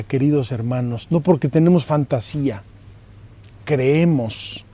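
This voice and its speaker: A man's voice: fairly high pitch, mellow, dry recording. A man preaching a sermon as a priest, earnest and emphatic, repeating his phrases. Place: pilgrimage site.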